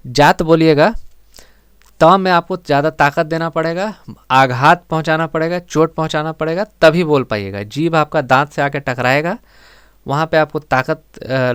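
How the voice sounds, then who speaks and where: A man teaching an exam-prep grammar lesson, explaining step by step and repeating words slowly for emphasis. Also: a little high, a bit bright, clean tone, no echo, clean studio sound.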